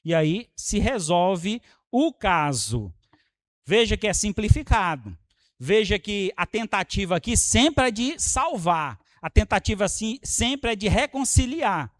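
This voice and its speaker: High-voiced pastor preaching. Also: male voice, a little slow, no echo, clean studio sound. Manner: lively preaching, acting out scenes in quoted voices. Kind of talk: sermon.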